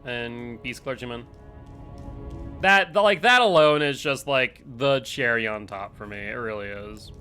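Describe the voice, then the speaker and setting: A young man talks casually while streaming a game, chatty and quick to joke at his own expense. His voice sits at a medium pitch. Game music plays clearly behind him. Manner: chatty, self-deprecating, animated. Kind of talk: casual gameplay commentary.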